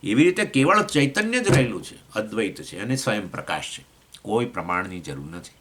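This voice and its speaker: Gujarati-accented male swami teaching scripture; bright, questioning, lively teacher. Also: a little fast, slight background noise. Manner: explains with questions to listeners, acts out voices of elements; pitch swings between raised points and low asides. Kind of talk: scripture class lecture.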